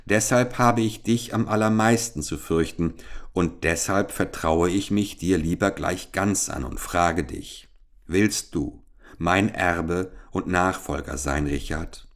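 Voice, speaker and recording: A man's voice: low voice, takes it slowly. A man reading the lines of a proud, ancient male scientist-king in a solemn, imperious tone. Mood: solemn, weary. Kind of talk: audiobook character reading.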